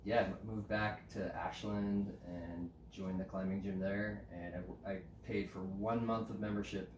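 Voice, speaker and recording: A man with a lowish voice, a podcast guest from the United States, recounts his story casually and with a lively, laughing energy. He sits a little off the microphone in a roomy space. Faint background noise sits under the voice. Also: measured pace, far from the mic. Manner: animated, often laughing, frequent "like" fillers. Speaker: podcast guest, climbing route setter.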